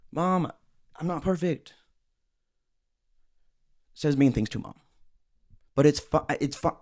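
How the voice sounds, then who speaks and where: A young adult man hosting a solo commentary podcast, animated and sarcastic, slipping into mocking impressions. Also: mid-range voice. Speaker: host.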